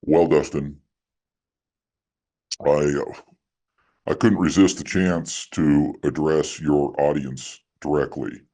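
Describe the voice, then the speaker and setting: A man voicing an anonymous male critic through a disguised, pitched-down deep voice, talking in a measured, needling way. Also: fairly even intonation, dark tone, exaggerated voice. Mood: accusing. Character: anonymous male critic hiding his identity, smug. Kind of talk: comedy bit on a podcast.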